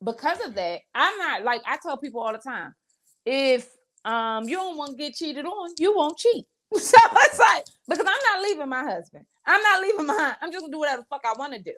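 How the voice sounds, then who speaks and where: A woman co-hosts a casual podcast reviewing reality TV, talking bluntly and profanely with mock-outraged asides. Her voice is high and sharp, very animated, and a little fast.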